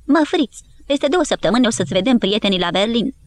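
A woman voicing a harsh male British officer shouting orders at prisoners in an audiobook. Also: a little high, expressive, close to an everyday voice. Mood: barking. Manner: barking orders.

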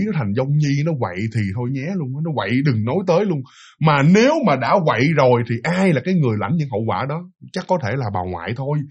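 A Southern Vietnamese man narrates a ghost story, animated and emphatic, throwing questions at his listeners. His voice sits a little high and swings widely in pitch. The tone is husky.

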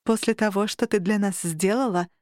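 A woman's voice: medium pitch, moderate pace, a little mellow, dry recording, lightly acted. Kindly, sly vampire hostess voiced by a woman narrator for an audiobook, dry booth.

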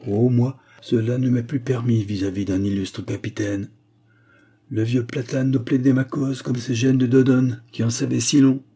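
A man voicing a calm, gentle young Venetian noblewoman in an audiobook reading, speaking softly and earnestly. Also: mid-range voice, normal speed, husky. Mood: tender.

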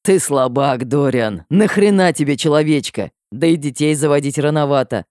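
A woman voicing an arrogant ancient male dragon in an audiobook, whispering low and seductive, then shouting in anger. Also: expressive, moderate pace, no room sound, clean studio sound. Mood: mocking. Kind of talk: audiobook character voice.

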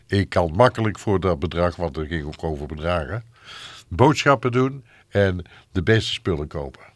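A man's voice: deep voice, lively intonation, normal speed, no echo. A man hosting a radio literature show, explaining thoughtfully with hesitant fillers. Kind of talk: radio book discussion. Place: radio studio.

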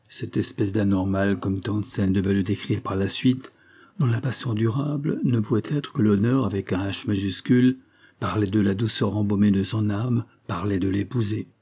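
A man reading a literary short story aloud in a measured narrating voice. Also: lowish voice, fairly even intonation, dark tone, husky.

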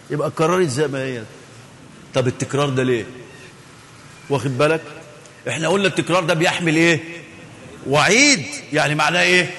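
A man's voice: a little high, fairly bright tone. A man with an Egyptian Arabic accent gives a Quran tafsir lesson. He asks questions, answers them himself, and repeats key words for emphasis. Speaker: religious teacher. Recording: hall reverb.

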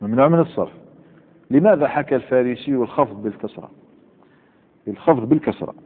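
A man's voice: medium pitch, expressive, quick pace, slightly rough. Algerian man teaching grammar, echoey tinny lecture. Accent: Algerian Arabic. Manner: repeats examples and quizzes students. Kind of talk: classroom lecture. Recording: tinny lo-fi with long hall reverb.

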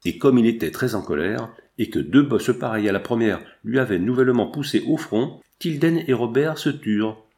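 A man reads a classic adventure novel aloud, measured and expressive. His voice sits at an ordinary male pitch. The delivery is a steady literary narration. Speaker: audiobook narrator.

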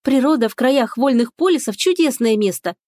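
A woman's voice: high voice, lively intonation, moderate pace, mellow, dry recording, studio quality, pitched above the performer's own voice. A woman voicing an ambitious, chatty young woman proud of her work, in an audiobook.

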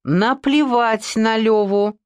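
A woman's voice: fairly high pitch, takes it slowly, clear, resonant tone, dry recording, studio quality, pitched above the performer's own voice. A woman voicing a bold, sarcastic young woman in an audiobook. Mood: defiant mocking. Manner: defiant, sarcastic.

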